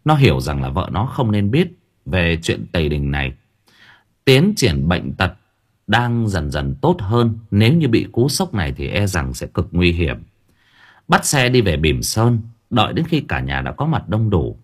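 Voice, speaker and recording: A man narrating a first-person audiobook story, expressive and dramatic, stammering in tense moments. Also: sits low, measured pace, slightly rough.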